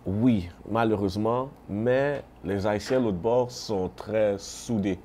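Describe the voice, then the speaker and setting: Low-voiced man mixing French and English. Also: slow pace, slight background noise. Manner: switches often between French and English, relaxed. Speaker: singer guest. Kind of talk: casual interview chat.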